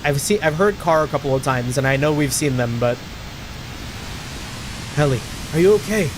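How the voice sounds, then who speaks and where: A man's voice: mid-range voice, fast, background noise. A man streaming a video game, chatting casually with lots of fillers and swearing, with game music behind. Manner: loose, swearing, many filler likes. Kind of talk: casual gaming commentary.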